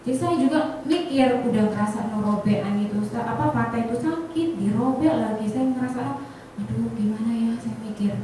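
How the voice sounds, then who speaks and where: Animated woman telling a story. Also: a little high, brisk, few pauses. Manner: animated storyteller, acts out dialogue, often addresses the audience. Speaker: insurance agent speaking to colleagues. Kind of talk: personal story told to an audience. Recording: echoey hall from far off, faint noise.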